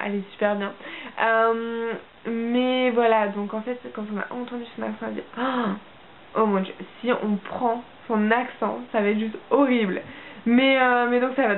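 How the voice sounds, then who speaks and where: Young woman from France, casual vlog chat, halting delivery full of fillers, thin phone-like sound with faint hiss. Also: on the high side. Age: young adult. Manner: hesitant, many fillers and restarts. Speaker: au pair vlogger.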